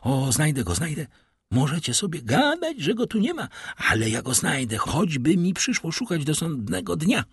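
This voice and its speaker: A man's voice: lively intonation, slow pace, breathy edge, no echo, clean studio sound, heavily acted. A man voicing a frantic male prosecutor who is sliding into madness, crying out in desperate pleas. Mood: crazed. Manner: shrill cries, pleading and desperate.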